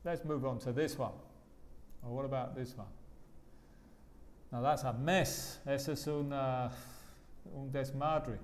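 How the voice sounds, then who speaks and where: Male English teacher, live online class, unhurried, mid pitch, bilingual delivery. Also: fairly even intonation, a little hiss or hum. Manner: slow, switches between Spanish and English, calls on students by name.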